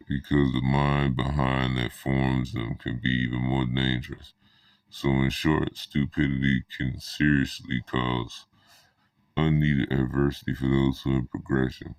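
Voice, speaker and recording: A man talking through a voice changer that drops his voice very deep, rambling hesitantly with many fillers in a casual spoken monologue. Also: a little mellow, no echo. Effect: voice changer shifting the pitch very deep.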